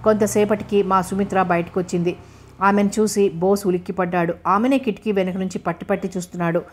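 A woman narrating a novel as an audiobook and reading every character's lines herself in an even storytelling voice. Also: mid-range voice, brisk, slight background noise.

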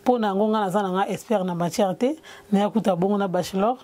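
A woman's voice: medium pitch, fast talker, mellow. A young woman hosting an interview in a clothing shop, switching between Lingala and French, speaking into a handheld mic. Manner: mixes Lingala and French, brief assents. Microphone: handheld mic with windscreen.

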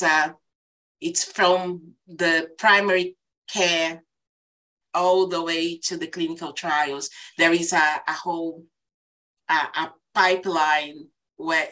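Over a laptop webcam mic on a video call, a Portuguese-speaking woman with a lower voice joins a panel discussion from a small room. She sounds a bit bright and the audio is poor, and her panelist remarks are thoughtful, hesitant and full of restarts.

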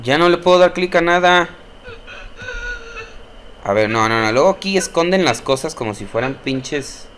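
A man's voice: fairly high pitch, lively intonation, moderate pace, pauses often, a bit bright, slight background noise. A young man with a Mexican Spanish accent playing a horror game on stream, cursing often, jumping at scares and talking back to the game's characters. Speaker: gameplay streamer. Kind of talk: horror gameplay commentary.

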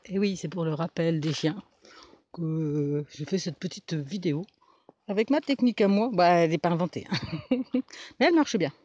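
Casual outdoor vlogger, medium pitch, informal chat, dry and slightly dull lo-fi handheld audio. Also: moderate pace, darkish tone, dry recording. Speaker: vlogger giving dog tips. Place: outdoors on a forest path.

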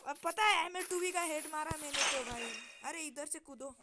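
A woman streamer giving excitable live gameplay commentary, swearing and shouting orders at her teammates. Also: high-pitched, moderate pace. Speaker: gaming streamer. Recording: heavy background noise.

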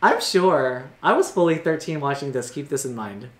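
A man's voice: fairly high pitch, animated, moderate pace, roomy sound. A man with a sassy, campy drag queen manner, giving casual reaction commentary as a show host. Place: small studio, indoors. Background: music.

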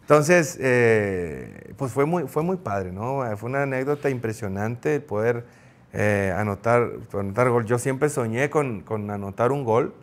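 A man's voice: medium pitch, measured pace. Mexican man telling a story. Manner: animated anecdote telling with quoted shouts. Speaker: guest, former goalkeeper. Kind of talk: storytelling in an interview.

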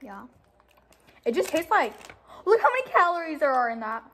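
A woman's voice: high-pitched, very animated, normal speed, fairly bright tone. A woman vlogger in casual chat, talking with teasing, impatient banter while chewing candy.

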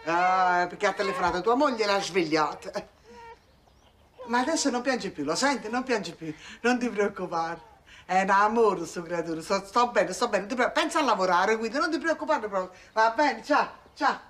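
Soap grandma, older, fussing and chatty, actress, noisy recording. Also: female voice, mid-range voice, expressive, moderate pace, fairly bright tone, lightly acted. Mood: reassuring. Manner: homely, fussing, sighing. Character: warm, chatty grandmother minding her baby grandson. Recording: noisy background.

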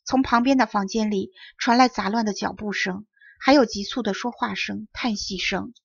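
A woman teacher narrating a children's audiobook in a steady, expressive storytelling manner. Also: medium pitch, moderate pace, vocal fry, husky, dry recording. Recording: dull lo-fi audiobook recording.

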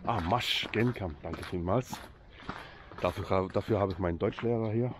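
His voice sits low and moves at a normal pace over a noisy background. The speaker is a Swiss vlogger, a native Swiss German speaker with a Swiss accent, joking and chatting with viewers outdoors beside a lake in casual commentary.

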